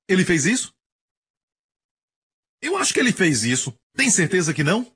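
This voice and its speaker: A man preaching a sermon, emphatic and animated, acting out the quotes he tells. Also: high voice, slightly rough.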